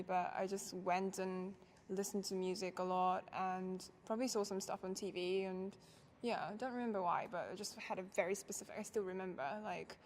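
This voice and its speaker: A young Japanese violinist gives thoughtful, soft-spoken answers in an interview, her voice at an ordinary middle pitch. She laughs lightly now and then, and faint hiss runs beneath the recording.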